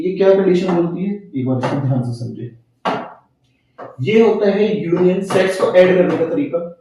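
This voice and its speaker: A male maths teacher explains a lesson step by step. He asks questions, answers them himself, and reads the question text slowly, word by word. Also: sits high, dark tone, distant mic. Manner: asks questions then answers them himself, mixing English terms into Hindi. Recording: echoey room, voice off-mic.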